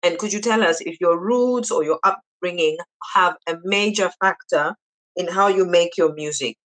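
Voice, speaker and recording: A podcast host leads the interview in an effusive way and keeps repeating praise. The voice sits at a middle pitch and never goes high or low. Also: moderate pace, fairly bright tone, rough recording. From Zambia.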